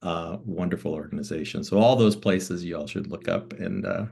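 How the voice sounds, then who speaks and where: A man's voice: low voice, moderate pace, creaky, darkish tone, slightly rough. A middle-aged man from Florida, born in Cuba, speaking as a guest director in a community talk, explaining at length with frequent fillers. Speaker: interim museum director, guest.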